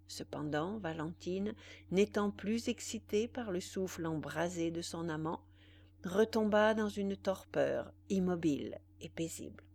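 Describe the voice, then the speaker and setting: Slow, expressive woman audiobook narrator. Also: on the low side, slight background noise.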